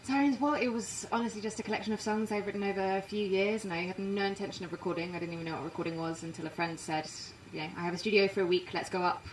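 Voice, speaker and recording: A woman from England, partly raised in Canada, with an English accent, chatting quickly and self-deprecatingly as a musician being interviewed. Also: mid-range voice, fairly even intonation, reverberant, distant mic, poor audio. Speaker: musician guest. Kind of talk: casual interview chat. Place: inside a parked trailer.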